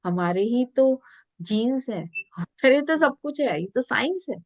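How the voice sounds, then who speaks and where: A woman's voice: on the high side, animated, unhurried, a little mellow, no echo. A woman spiritual coach telling stories in a podcast interview, earnest, mixing English phrases into her talk.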